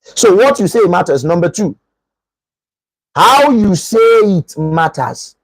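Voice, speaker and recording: A Nigerian pastor giving an animated relationship teaching and acting out short dialogues. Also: male voice, high voice, slow pace, gravelly, dry recording, low-quality recording.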